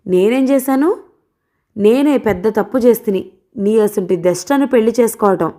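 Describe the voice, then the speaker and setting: A woman's voice: a little high, moderate pace, mellow, lightly acted. A woman voicing an angry village father who speaks with sarcasm and heat. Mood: bitter. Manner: sarcastic, heated.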